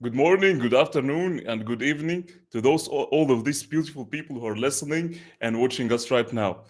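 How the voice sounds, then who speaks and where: Effusive male show host. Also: mid-range voice. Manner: effusive, halting with many fillers. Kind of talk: online show interview.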